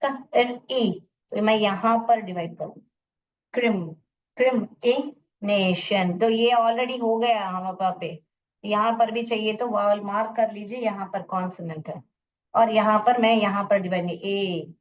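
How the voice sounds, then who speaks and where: A woman teacher explaining syllable division step by step, sounding words out slowly and mixing in English teaching phrases. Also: medium pitch, steady tone. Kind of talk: phonics lesson to parents or teachers. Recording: muffled, distant from the mic.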